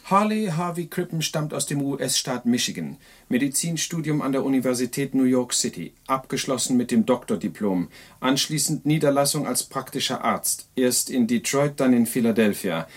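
An actor playing a literal-minded police sergeant who speaks formally and dutifully and reads reports aloud in a 1970s radio drama. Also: male voice, mid-range voice, normal speed, natural voice. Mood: reporting.

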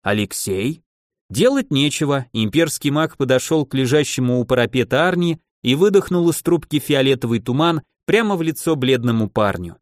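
A man narrating a fantasy audiobook in an even, steady reading voice. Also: mid-range voice, a little fast, few pauses, dry recording, clean studio sound.

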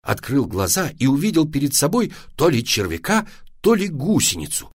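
A man narrating a children's story in an expressive, lively reading style. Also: on the high side, moderate pace, husky, no echo, studio quality.

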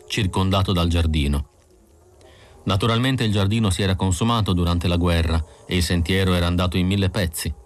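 A man narrating an audiobook with slow, measured reading. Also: sits low. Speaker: audiobook reader.

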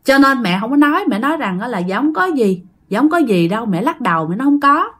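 A woman with a Southern Vietnamese accent, narrating a ghost story to her listeners in lively quoted speech. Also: high-pitched, fast.

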